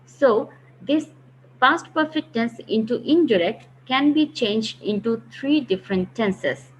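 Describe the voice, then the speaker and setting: Speaking slowly and expressively in a fairly high voice, a woman patiently teaches grammar, repeating the key phrases. It's a recorded online lesson captured in dull lo-fi with a faint hiss.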